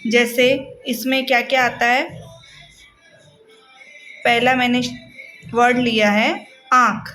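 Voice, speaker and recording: A woman's voice: fairly high pitch, little pitch movement, sharp tone, soft background music. A woman teaching a spoken grammar lesson, stretching out each example word and repeating it so the learner can hear it. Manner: slow, drawn-out word demonstrations, repeated for the learner.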